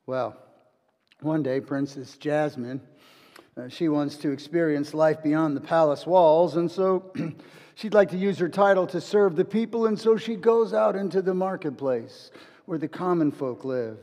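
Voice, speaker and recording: A man's voice: fairly high pitch, a little slow, darkish tone, long reverb tail. A male pastor preaching a sermon in an earnest, repeating manner. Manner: earnest, repeats words as he restarts.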